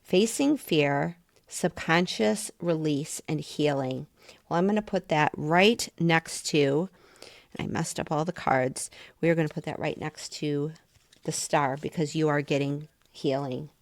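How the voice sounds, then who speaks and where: A middle-aged woman with a notably low voice gives a casual tarot reading. She is chatty and excitable, thinking aloud and sometimes speeding up. The sound is dry and close, with no room behind her. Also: creaky, dry recording. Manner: talks fast at times. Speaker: tarot reader.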